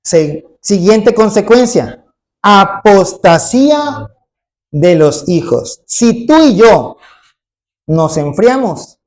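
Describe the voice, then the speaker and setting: With drawn-out words and a darkish tone, an animated medium-pitched preacher addresses a church congregation emphatically. Frequent rhetorical tag questions and acted-out quoted voices fill the sermon.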